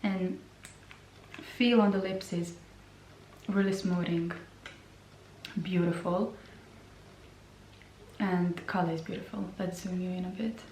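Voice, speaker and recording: A woman reviewing lip products in a slow, hesitant way, often repeating her words. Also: fairly low pitch, fairly even intonation, darkish tone, slight background noise. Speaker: beauty vlogger. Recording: roomy sound from a distance.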